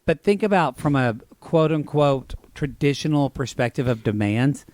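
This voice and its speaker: A man in his middle register co-hosts a casual podcast recap. He retells scenes play by play and drops wry, deadpan quips along the way. The mic sound is dry and close. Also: mid-range voice, normal speed, dry recording. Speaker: podcast co-host.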